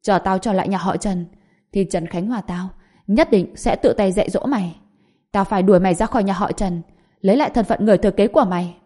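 A woman's voice: mid-range voice, quick pace, dark tone, lightly acted. Woman reading as a furious old clan elder. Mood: angry. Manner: harsh, scornful, commanding. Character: proud old male clan elder over eighty.

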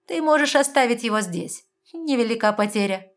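A woman's voice: on the high side, brisk, voice pushed up, natural voice. A woman voicing a sly, smug fairy woman who talks in a mocking, self-assured way.

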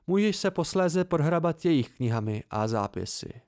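A man voicing a weary, soft-spoken innkeeper in an amateur audiobook, with a raised, plaintive delivery. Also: a little high, animated, no room sound, studio quality, voice pushed up.

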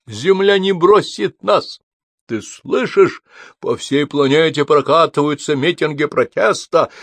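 A man's voice: fairly high pitch, no echo, voice pushed up. A man voicing a melodramatic young hero in an audiobook, exclaiming and declaiming.

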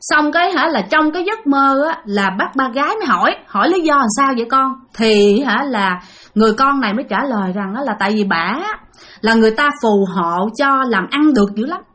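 A woman's voice: a little high, expressive, brisk, a bit bright. A woman with a Southern Vietnamese accent telling a ghost story to her listeners in a rambling, casual way, full of fillers and self-corrections.

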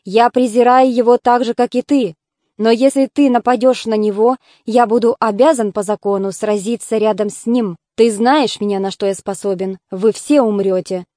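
A woman's voice: a little high, steady tone, normal speed, warm tone, no room sound, clean studio sound, close to an everyday voice. A woman reading the lines of a proud, angry male warrior who speaks sternly.

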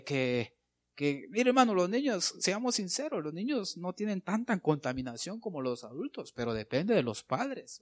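A man preaching a sermon, emphatic and constantly addressing his listeners as brother. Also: a little high.

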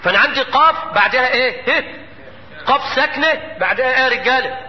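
Egyptian sheikh teaching tajweed, high voice, keeps quizzing the class, chants verses slow, muffled old hall recording. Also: male voice, animated. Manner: quizzes his students with quick questions and chants examples slowly. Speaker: Quran recitation teacher. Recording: dull lo-fi lecture hall with long reverb.

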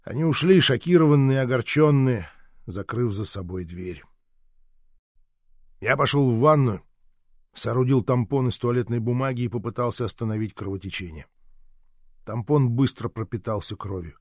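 A man doing a measured, sardonic scripted narration of an audiobook. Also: medium pitch, no room sound, clean studio sound.

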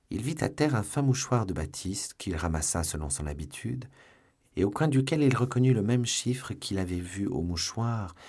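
Deep-voiced guy reading an audiobook, husky, really lively delivery. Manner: expressive storytelling. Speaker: audiobook narrator. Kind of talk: scripted narration of a classic novel.

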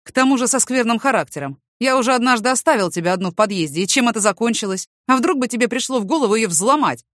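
A woman's voice: on the high side, animated, fast talker, hardly any pauses, no room sound, clean studio sound, natural voice. Woman reading as a brash young boxer. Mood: blunt. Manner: blunt, mocking retorts. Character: brash young male boxer, blunt and teasing.

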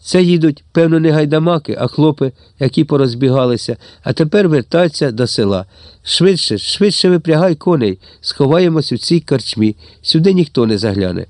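A man's voice: mid-range voice, animated, normal speed, darkish tone, dry recording, lightly acted. A man raising his voice to play a frightened older woman who takes charge, hissing and snapping urgent orders to her family. Her voice is slightly raised and pressed, as if breaking with fear, and the reading sits in a dry, close room. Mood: urgent, commanding. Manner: urgent commanding whispers and orders.

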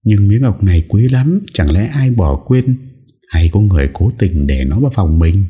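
A man's voice: lowish voice, animated, normal speed, dark tone, slightly rough, voice pushed up. A man voicing a scheming young woman muttering crudely to herself.

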